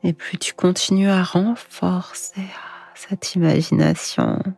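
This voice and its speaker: A woman guiding sleep hypnosis in a hushed, breathy, soothing voice, slow and whispered right in the listener's ear. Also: fairly low pitch, steady tone. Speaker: hypnosis guide. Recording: echoing voice over music. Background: music.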